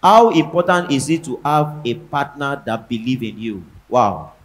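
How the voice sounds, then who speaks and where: A man's voice: mid-range voice, expressive, measured pace. A man, a pastor hosting a church question-and-answer session. He reads the questions aloud and adds playful remarks. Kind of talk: church Q&A moderation.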